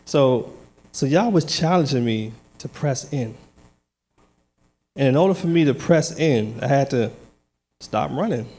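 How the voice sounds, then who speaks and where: A man's voice: medium pitch, expressive, measured pace, pauses often, warm tone. Earnest man giving a church testimony. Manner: casual, earnest, laughs often; nervous at first, then firm and declaring. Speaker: lay speaker giving testimony. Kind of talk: church testimony and short sermon.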